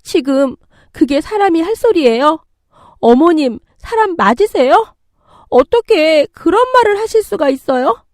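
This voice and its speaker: Young pregnant wife, earnest and pleading, lively pitch, as a female reader acts her; dry studio sound. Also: a little slow, no room sound, natural voice. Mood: indignant. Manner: pleading, then indignant. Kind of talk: storytelling radio reading.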